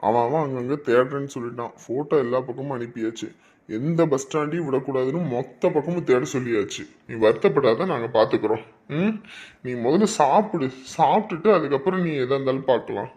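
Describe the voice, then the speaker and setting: A man's voice: mid-range voice, a little fast, a little mellow, lightly acted. A man playing a loyal friend and coworker who reassures his grieving buddy in a brotherly way. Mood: reassuring.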